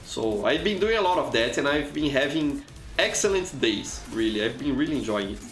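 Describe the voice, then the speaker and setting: A mid-range, animated voice at a moderate pace, roomy and backed by faint music, belongs to a Brazilian man with a Brazilian accent whose native tongue is Portuguese. Chatting casually as he streams a game, he reads the chat aloud and keeps restarting and repeating his words.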